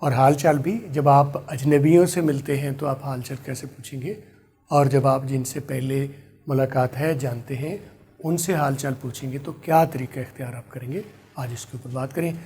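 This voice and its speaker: Man teaching English, husky voice. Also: mid-range voice, steady tone, moderate pace, a little mellow. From Pakistan. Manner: explains patiently, repeats phrases for drilling; writes on a board while explaining. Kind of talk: online English lesson.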